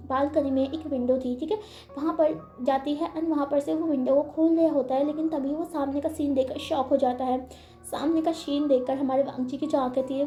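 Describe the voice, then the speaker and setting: High-voiced woman telling a fan story. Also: dark tone, reverberant. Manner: chatty, filler-heavy retelling. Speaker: fanfiction narrator. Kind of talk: casual storytelling narration.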